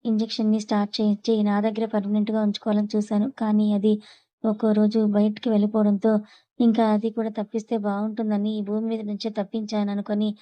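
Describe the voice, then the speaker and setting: A woman voicing a scheming middle-aged villain uncle who defiantly confesses his crimes in a low, even tone. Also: fast talker, highs cut off, lightly acted.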